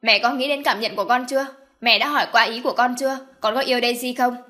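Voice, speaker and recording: An indignant young man arguing hard against his mother, as a woman narrator reads him. The voice stays fairly high and agitated throughout this audiobook scene. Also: fairly even intonation, fairly quick, sharp tone. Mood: protesting. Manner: protesting, agitated. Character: indignant young adult son. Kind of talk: audiobook character voice.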